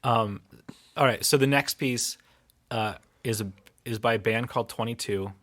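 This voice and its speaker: A man's voice: medium pitch, moderate pace, fairly bright tone. A man co-hosting a music podcast, chatting loosely in a rambling way that keeps breaking off and restarting. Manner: rambling, self-interrupting, laughs often. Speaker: podcast co-host and guitar teacher. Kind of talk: casual chat about music. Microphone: studio mic, recorded in home studio software.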